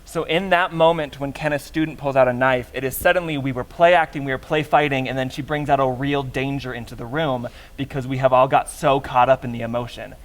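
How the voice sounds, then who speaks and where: A man's voice: medium pitch, steady tone, a little fast, few pauses. A man from Arizona, an actor in the touring cast, thoughtfully explaining a choice in the production. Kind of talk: answering audience questions.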